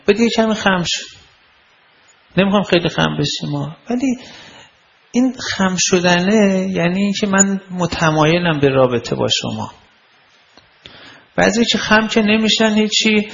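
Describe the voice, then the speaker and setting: Gravelly man giving a lecture. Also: high-pitched, a bit bright, highs cut off. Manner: conversational, explanatory, tells anecdotes. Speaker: lecturer on life skills. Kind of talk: lecture on communication skills.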